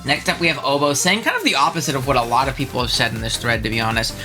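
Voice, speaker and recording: Racing along in a mid-range voice over music, a young man hosting his channel chats casually about viewer takes, animated despite being congested with a cold. Frequent ums and laughs pepper his talk.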